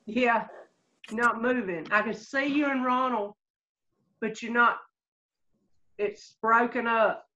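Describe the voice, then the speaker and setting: A woman's voice: on the high side, slow pace, long pauses, bright, forceful tone. A woman heard over a glitchy video call, speaking up as a remote guest in casual chat. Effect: heard through a glitchy video call. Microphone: laptop or phone on a video call. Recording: dull lo-fi video call audio.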